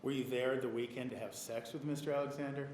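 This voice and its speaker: A man working as a trial attorney, questioning a witness in a measured, deliberate way with pauses. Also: medium pitch, steady tone, a little mellow. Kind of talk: courtroom questioning. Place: courtroom. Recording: echoey courtroom audio with faint noise.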